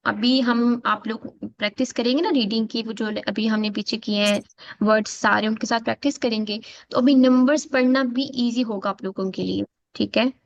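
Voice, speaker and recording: A woman teaching an online class, saying each word slowly and patiently. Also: a little high, steady tone, vocal fry. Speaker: Italian teacher. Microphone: video call. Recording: dull lo-fi video call audio.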